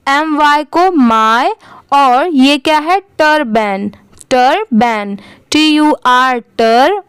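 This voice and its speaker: A woman's voice: sits high, dry recording. A woman teaching English reading, spelling each word letter by letter, asking the viewer how to read it and then answering herself. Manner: spells words letter by letter, then blends them slowly; asks the viewer questions and answers them herself.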